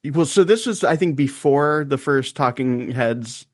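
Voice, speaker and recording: A man co-hosting a podcast in casual chat, wry and quick to laugh. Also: mid-range voice, darkish tone, no room sound. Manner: laughs often, wry and self-aware. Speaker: podcast co-host.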